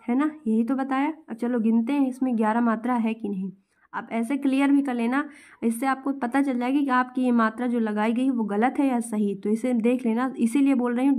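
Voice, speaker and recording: A woman teaching a lesson in a mellow, warm voice that sits a little high. She explains step by step, asking questions and answering them herself. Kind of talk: classroom-style lesson.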